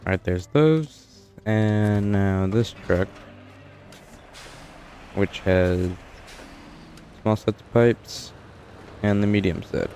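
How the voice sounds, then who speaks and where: Young man, casual gameplay commentary, rambling, dry asides, low-pitched voice. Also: extremely slow, long pauses, warm tone, faint music behind. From United States. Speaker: gameplay streamer. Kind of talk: casual let's-play commentary.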